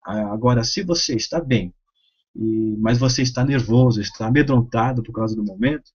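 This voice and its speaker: A man, a pastor, teaching a course on preaching with a Brazilian Portuguese accent, giving measured advice with frequent hesitations. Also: medium pitch, slightly rough. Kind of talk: instructional talk. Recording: slightly dull, lo-fi sound.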